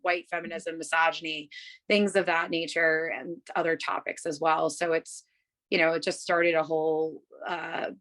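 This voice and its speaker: A woman in her thirties, a bookstore owner from Massachusetts, does a video-call interview from a room at home, answering in a casual, upbeat style with many fillers. She has a low voice that's a bit bright, with flat pitch and a moderate pace.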